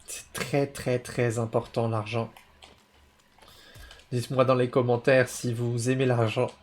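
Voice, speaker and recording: A man's voice: mid-range voice, level tone, measured pace, darkish tone. A man playing a video game while chatting casually and stopping to explain words for language learners, often correcting himself. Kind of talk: casual gameplay commentary for learners.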